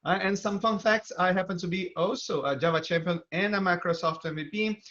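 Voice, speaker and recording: Through a dull, band-limited video stream, a man with a Brazilian accent speaks a little fast in a high, fairly bright voice. He's a developer advocate giving an energetic technical talk, walking viewers through live coding.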